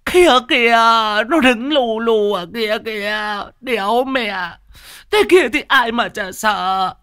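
A man's voice: extremely high pitch, slow, sharp tone, clear, resonant tone, no room sound, clean studio sound, pitched above the performer's own voice, exaggerated voice. A man voicing a terrified old village woman who stammers and wails her pleas in a storytelling piece. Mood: insistent.

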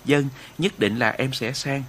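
A man voicing a cheerful, innocent young female nurse with lively, chatty speech. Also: medium pitch, a little slow, slight background noise, lightly acted.

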